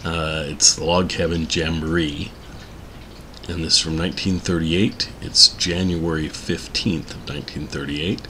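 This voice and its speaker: A man's voice: extremely low pitch, steady tone, a little slow, bright, forceful tone, a little hiss or hum. A man hosting a podcast, introducing an old radio show in a casual, hesitant, musing way. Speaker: podcast host.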